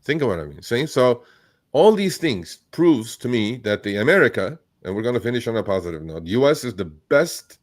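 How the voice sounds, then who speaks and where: A man born in Turkey, hosting a live chat, talking bluntly and with profanity, telling animated stories. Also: medium pitch, normal speed, no room sound, studio quality. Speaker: host. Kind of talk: casual livestream chat.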